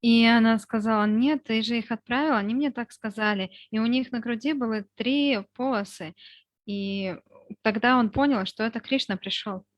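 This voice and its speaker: A woman giving a live spoken translation, interpreting a talk phrase by phrase over a video call, in measured short chunks with hesitation fillers. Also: on the high side, no echo. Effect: live spoken translation, voiced over the speaker's talk. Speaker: consecutive interpreter into Russian. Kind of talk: consecutive interpretation.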